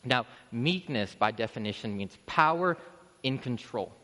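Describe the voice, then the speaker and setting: A man with a mid-range voice preaches a little slowly, sounding animated, pushed, and bright. His casual, conversational delivery keeps restarting and building to emphatic peaks, recorded through a podium microphone in a reverberant church sanctuary.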